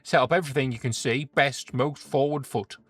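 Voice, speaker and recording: A man's voice: mid-range voice, a little fast, a bit bright, no echo, natural voice. A man voicing a huge, rotund, genial male troll who roars his friendly invitations in broken, simple grammar. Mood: jovial.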